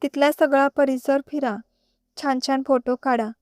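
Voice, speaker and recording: A woman's voice: high-pitched, fairly even intonation, unhurried, darkish tone, no room sound, studio quality. A woman reading a storybook voices an affectionate elderly grandmother giving advice. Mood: caring. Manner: affectionate, advising.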